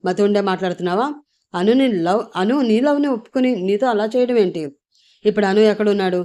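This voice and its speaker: A man's voice: sits high, quick pace, dark tone, lightly acted. A woman voicing a caring, anxious young man in a narrated audio story, asking urgent questions. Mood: alarmed.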